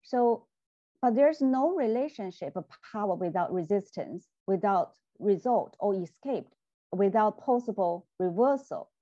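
A woman gives an academic talk over a video call. She explains points in a measured, deliberate way. Her voice is warm and mellow, and the audio sounds dull and dry. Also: mid-range voice, no room sound. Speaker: guest lecturer.

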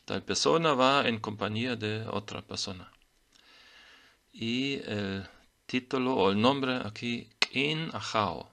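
A man whose first language is German, slowly explaining Maya glyphs in a lesson, pausing to read out each sign. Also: mid-range voice, sharp tone. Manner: slow, deliberate reading of glyph names. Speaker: teacher of Maya writing.

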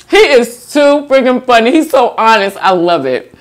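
A woman's voice: fairly high pitch, sing-song, measured pace. A young woman hosting a mukbang, chatting casually while she eats and giggling as she reads out viewer comments. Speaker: mukbang host. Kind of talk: casual chat while eating on camera.

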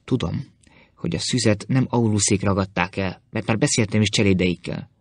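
Sly fawning greek schemer, kinda low, bragging and bowing, a guy putting him on. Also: dry recording. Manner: obsequious and boastful. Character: sly, fawning male Greek philosopher-informer.

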